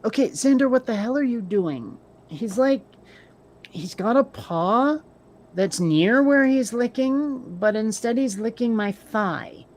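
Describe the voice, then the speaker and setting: With a faint New England accent, a Vermont woman co-hosts a podcast in casual chat, leaning on "like" and asides throughout. Her slightly high voice is expressive and darkish, and she takes her time.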